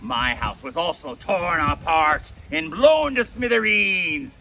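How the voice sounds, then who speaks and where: A man playing a gruff, bumbling pirate in a family stage play, with growly pirate talk. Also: a little high, animated, slow, sharp tone, a little hiss or hum, heavily acted, poor audio. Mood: blustery.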